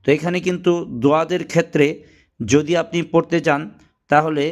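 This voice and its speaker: A man teaching Quran pronunciation in a patient spoken lesson, spelling out letters one by one with some hesitant pauses. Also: fairly high pitch, steady tone.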